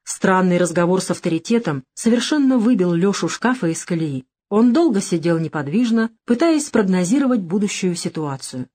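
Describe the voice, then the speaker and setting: A woman narrating an action audiobook in a measured, even reading. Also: lowish voice. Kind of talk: scripted narration.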